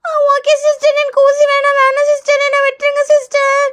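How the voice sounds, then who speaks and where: A woman voicing a frightened, whiny little schoolgirl in a doll play, wailing high. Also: completely flat delivery, normal speed, fairly bright tone. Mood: pleading.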